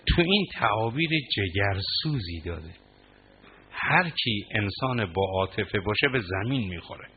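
A man's voice: on the low side, animated. A man preaching a mourning sermon, impassioned, his voice breaking into sobs as he recounts the narration. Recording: tinny phone-like line, faint noise.

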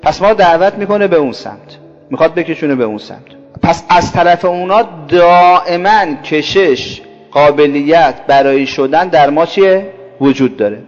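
A man with a fairly high voice preaches, posing rhetorical questions and running through long lists. The sound is dull and lo-fi, with long reverb and faint music underneath. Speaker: religious speaker. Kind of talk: sermon.

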